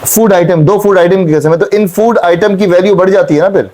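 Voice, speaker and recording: Male Quran teacher, high mellow voice, questions and repeats. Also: a little fast. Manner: questioning students, repeating points. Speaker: Islamic teacher. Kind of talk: Quran class explanation. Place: classroom with students.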